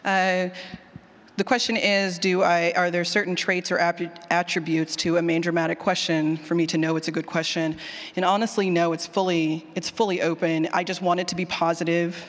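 An emphatic, informal former college teacher runs a writing workshop, her medium-pitched voice moving at a moderate pace. She's animated and restates audience questions aloud during this Q&A-style conference talk. The indoor hall gives the live recording a reverberant sound.

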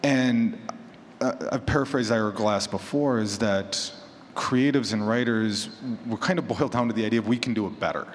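On a convention panel, a horror fiction podcaster speaks at normal speed in a lowish voice. He addresses the audience casually, in a conversational and encouraging way. The hall is large and echoey, and background noise is clearly audible.

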